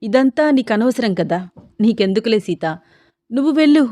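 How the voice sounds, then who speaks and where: A woman's voice: a little high, animated, moderate pace, no room sound, studio quality, lightly acted. Woman doing a bitter drunk young doctor. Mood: bitter, angry. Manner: gruff, dismissive, shouting. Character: bitter heartbroken young male doctor, drinking.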